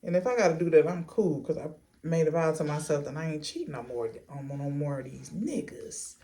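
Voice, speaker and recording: A woman's voice: low voice, lively intonation, mellow. Blunt, sassy woman telling a casual storytime. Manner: blunt, sassy, heavy swearing; unhurried stop-and-start delivery while doing a get-ready-with-me. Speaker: storytime vlogger.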